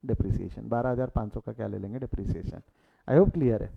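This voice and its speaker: Brisk and husky with some vocal fry, a lowish male voice leads a live online accounting lesson. He blends English terms into his speech, goes over key figures repeatedly, and pushes the class to respond in the chat. The recording has a tinny, phone-like quality.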